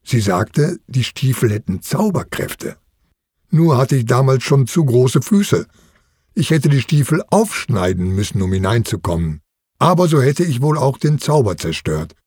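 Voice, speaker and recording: A man's voice: medium pitch, sing-song, measured pace, a little mellow, husky, no room sound, studio quality. A man narrating a children's audio story as the children's uncle, in a storytelling manner.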